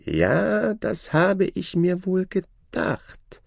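A man performs a shadow who has turned himself into a fine gentleman, speaking up high with preening pride. His voice jumps lively from note to note. The sound is dry and close, with no room around it. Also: very slow, vocal fry, no room sound, exaggerated voice. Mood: boastful. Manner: smug and showy, high-pitched put-on voice. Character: boastful, newly rich male shadow turned gentleman.

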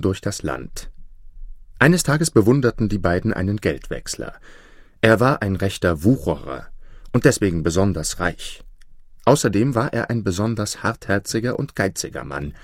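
A man narrating a folk tale in an expressive storybook reading. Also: fairly low pitch, dry recording, studio quality.

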